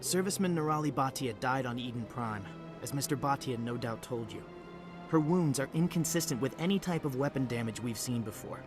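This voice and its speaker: A man's voice: mid-range voice, expressive, brisk, over music, lightly acted. A man playing a polite, bureaucratic diplomat in a video game, with a deferential manner. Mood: apologetic. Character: polite, smooth-talking diplomatic official.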